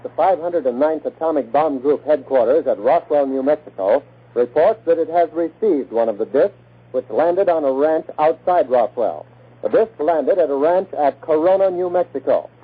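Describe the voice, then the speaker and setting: A man gives a steady, formal news report in 1940s radio style. The sound comes from a scratchy old archival broadcast, as narrow as a phone line. His voice is husky and sits slightly high.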